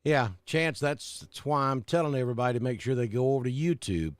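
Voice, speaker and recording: A man's voice: medium pitch, brisk, soft background music. A middle-aged man from Alabama, chatting casually on a live weather stream and greeting viewers by name. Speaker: weather broadcaster.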